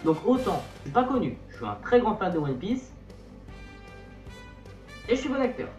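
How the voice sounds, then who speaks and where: A man's voice: high-pitched, big pitch swings, normal speed, a little mellow, reverberant, soft background music. A young man in his late teens talking casually to camera, chatty and playfully self-mocking. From Portuguese-Brazilian family background. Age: young adult. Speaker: youtuber.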